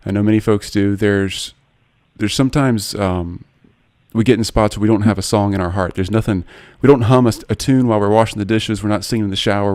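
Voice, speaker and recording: A man's voice: fairly low pitch, darkish tone, no room sound. A man in his forties hosting a podcast interview, speaking in an earnest, personal and eager way. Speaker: podcast host.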